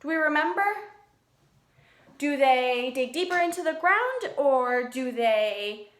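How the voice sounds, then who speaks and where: A woman reads a picture book aloud to small children, speaking slowly in a high-pitched, a bit bright voice with lively intonation. She explains simply and questions her listeners like a preschool teacher, in an echoey room with slight background noise.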